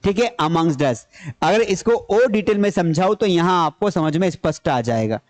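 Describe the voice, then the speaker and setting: A man with a high voice gives a grammar lesson to a class. He repeats each point and asks questions he then answers himself. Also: animated, moderate pace. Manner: repeats key points, explains in Hindi mixed with English terms. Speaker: grammar teacher. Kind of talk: classroom lecture.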